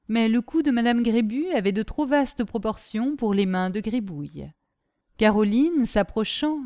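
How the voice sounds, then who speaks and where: Woman storyteller, measured storybook narration, dry close sound. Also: fairly high pitch, mellow, dry recording. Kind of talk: expressive storybook reading.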